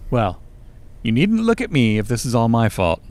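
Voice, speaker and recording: Proud young princess, voiced plainly by a man, storybook reading with lively inflection. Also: medium pitch, normal speed. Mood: composed. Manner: reads the lines plainly in his own voice. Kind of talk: reading a novel aloud.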